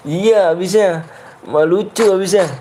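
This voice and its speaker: A man's voice: high voice, moderate pace, warm tone, slight background noise. Young man streaming in slang. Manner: argumentative and teasing, often laughing. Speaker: live streamer hosting custom game rooms. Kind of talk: casual live-stream chat.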